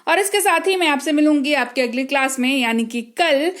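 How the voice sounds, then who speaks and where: A woman teaching an English reading lesson, spelling words out letter by letter and often checking in with quick questions. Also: high voice, a bit bright. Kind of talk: classroom-style lesson.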